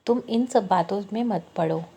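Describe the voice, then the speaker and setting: Storybook role: angry young wife, sharp and irritated, read by a woman. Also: mid-range voice, normal speed, slight background noise, close to an everyday voice.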